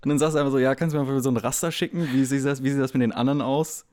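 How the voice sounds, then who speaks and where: A man's voice: medium pitch, fairly even intonation, very fast, a little mellow. A man in his twenties, co-hosting a casual podcast chat, rambling and joking as he talks. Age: 20s. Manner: rambling, jokey, trails off. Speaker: podcast co-host.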